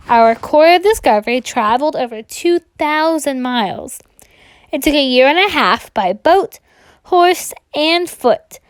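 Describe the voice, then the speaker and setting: With a high voice, a woman performs a children's picture book aloud, drawing out words for emphasis in an expressive, storytelling manner.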